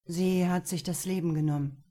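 A woman's voice: fairly low pitch, steady tone, normal speed, warm tone, natural voice. A woman reading the lines of a male police officer who is earnest and resigned. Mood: somber. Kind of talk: audiobook dialogue reading.

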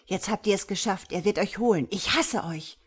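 A woman's voice: fairly low pitch, normal speed, darkish tone, slightly rough. A woman voicing a bitter, tearful wife who speaks harshly in a read-aloud story. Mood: furious. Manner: harsh and raised.

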